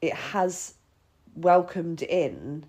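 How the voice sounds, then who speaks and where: This woman's fairly low, slightly mellow voice has lively intonation and drawn-out words. As a podcast host recounting her own experiences, she chats informally and confessionally, cursing, saying "like" constantly, and quoting herself.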